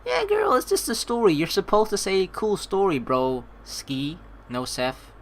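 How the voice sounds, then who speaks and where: At a measured pace and medium pitch, a let's play streamer reads out story dialogue, animated and full of sarcastic, joking reactions, with game music in the background.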